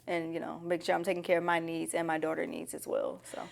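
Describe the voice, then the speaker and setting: Woman, slightly low pitch, candid conversational interview answers. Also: monotone, fast talker, gravelly. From Nashville, Tennessee.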